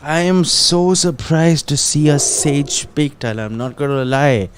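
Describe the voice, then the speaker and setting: A man's voice: a little high, steady tone, unhurried, soft background music. A man with an Indian English accent casting an esports tournament, chatty and analytical, laughing now and then. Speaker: esports caster. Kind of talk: play-by-play commentary.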